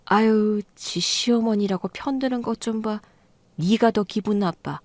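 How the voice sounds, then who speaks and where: A woman's voice: mid-range voice, measured pace, a little mellow, dry recording, lightly acted. A woman voicing an offended mother who scolds her daughter in a radio drama story. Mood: grumbling. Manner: scolding, complaining. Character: annoyed middle-aged mother, sulky and grumbling.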